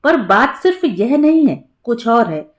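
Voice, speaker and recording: A woman's voice: on the high side, big pitch swings, unhurried. A woman voicing a cheerful, teasing grown man, an old college friend, in a storybook reading. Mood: friendly, teasing. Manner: joking, easygoing. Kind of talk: storybook narration.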